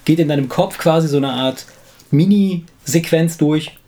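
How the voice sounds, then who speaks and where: A man's voice: a little high, a little slow, warm tone. A man co-hosting a podcast in a loose, casual chat. He rambles, keeps restarting his words and breaks into laughter easily. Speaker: podcast co-host.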